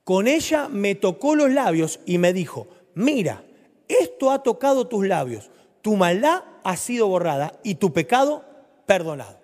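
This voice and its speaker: A male preacher with a Rioplatense Spanish accent and a high, lively voice that climbs and drops through his sermon. He swings from loud, urgent lines to soft, low ones. His voice rings out with a long reverb, as in a church hall. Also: a little slow.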